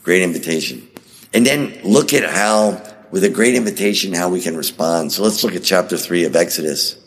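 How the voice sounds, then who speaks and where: A man's voice: low voice, animated, normal speed, big-room sound. A man hosting a teaching podcast, talking conversationally, reading scripture aloud and asking rhetorical questions. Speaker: podcast host.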